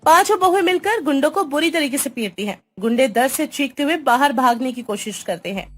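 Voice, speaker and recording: Brief: high-voiced female story narrator, soft music behind. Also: a little fast. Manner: even, storybook delivery.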